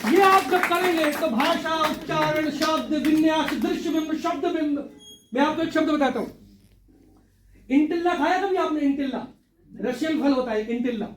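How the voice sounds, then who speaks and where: Animated man lecturing from afar. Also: extremely high pitch, moderate pace, slight background noise. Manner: animated, demonstrates lines syllable by syllable. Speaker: drama lecturer. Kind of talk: lecture workshop with class. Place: classroom with audience. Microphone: far from the mic. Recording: echoey room from far off with crowd.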